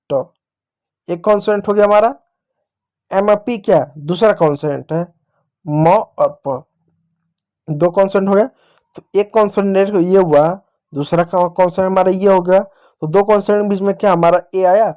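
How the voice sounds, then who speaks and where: A man's voice: fairly high pitch, a little mellow. Patient Indian male phonics teacher. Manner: patient, repetitive, addresses children directly. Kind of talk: phonics lesson for children.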